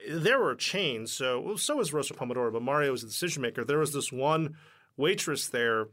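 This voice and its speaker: A man's voice: medium pitch, expressive, a little fast, fairly bright tone. A man, a startup founder and guest, recalls his early days in a casual interview, full of "like" fillers and acted-out dialogue. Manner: chatty, heavy with "like" fillers, acts out dialogue.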